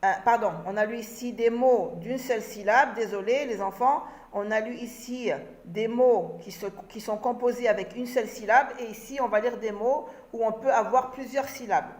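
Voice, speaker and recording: A woman's voice: fairly high pitch, steady tone, normal speed, few pauses, a little mellow. A woman teacher giving a reading lesson to young children, sounding out syllables and words one by one in a patient, instructive way. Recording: roomy echo.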